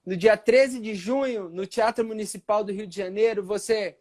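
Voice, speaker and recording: Man, Paulista accent, high voice, casual live-chat storytelling, animated, acts out quoted lines. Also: normal speed. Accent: Paulista Portuguese. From São Paulo state, Brazil. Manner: animated, acts out quoted dialogue with pitch jumps. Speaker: percussionist guest.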